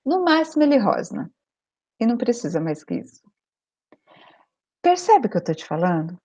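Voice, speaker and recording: A woman's voice: a little high, sing-song, moderate pace, warm tone. A middle-aged woman coaching parents, speaking emphatically, repeating her key points and checking that the listener follows. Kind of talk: advice video monologue. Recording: dull lo-fi recording.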